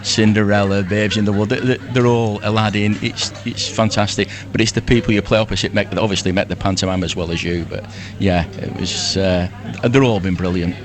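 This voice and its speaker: A crowd can be heard behind this guest, a sixty-something Lancashire man who performs in amateur pantomime. Interviewed live on casual radio, he chats effusively and often repeats himself, talking fairly quickly with hardly any pauses in a lowish, fairly even voice.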